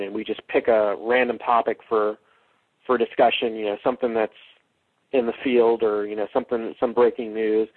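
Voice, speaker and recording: Husky man podcasting on a dull cheap mic. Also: medium pitch. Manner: rambling, halting, thinking aloud. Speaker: podcast host. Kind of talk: casual unscripted podcast discussion.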